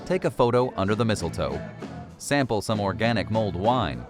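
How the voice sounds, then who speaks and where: A man's voice: fairly low pitch, animated, moderate pace. A man reading scripted narration as a voice-over for a travel documentary. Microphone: studio voice-over. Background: background music.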